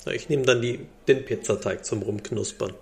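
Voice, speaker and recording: A man's voice: medium pitch, moderate pace, creaky. A man chatting casually as a podcast guest, easygoing with dry humor. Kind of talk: casual chat.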